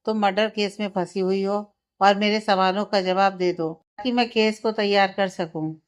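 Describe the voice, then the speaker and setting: A serious young lawyer, read by a woman narrator, keeping his irritation in check as he talks firmly. The voice is clear and smooth, close to the reader's own. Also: mid-range voice, fairly even intonation, normal speed, natural voice. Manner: firm, restrained irritation. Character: serious, short-tempered young male lawyer.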